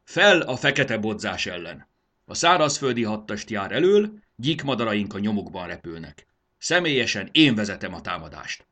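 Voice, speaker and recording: A man's voice: fairly low pitch, very animated, sharp tone, heavily acted. A man voicing a pompous, hot-tempered male warlord who bellows commands in a storybook reading. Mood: commanding. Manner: bellowing commands, self-important.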